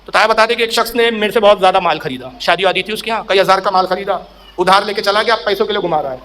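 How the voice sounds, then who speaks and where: Middle-aged guy giving a storytelling sermon, fairly high voice, acts out the characters, gets emphatic. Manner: animated storyteller, acts out quoted saints and characters; rising to a raised pitch and emphatic voice in climactic sayings. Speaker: preacher. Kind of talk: Urdu religious sermon with storytelling.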